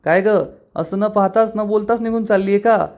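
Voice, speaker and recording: A man's voice: sits high, moderate pace, a little mellow, pitched above the performer's own voice. A man doing a bossy, haughty older woman.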